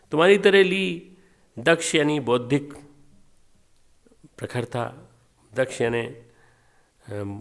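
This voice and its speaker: A man giving a devotional meditation class as a spiritual teacher, telling stories and repeating phrases for emphasis. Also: medium pitch.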